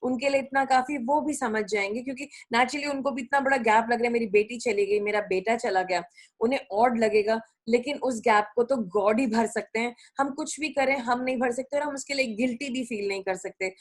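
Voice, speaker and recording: A woman's voice: on the high side, moderate pace. A middle-aged woman preaching a sermon in a conversational way, repeating her points for emphasis. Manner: conversational Hindi-English mix, repetitive emphasis.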